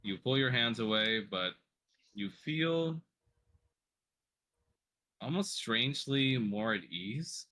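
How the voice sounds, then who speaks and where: A man narrating a tabletop role-playing game as game master, in measured, dramatic phrases with pauses. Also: medium pitch, animated, sharp tone.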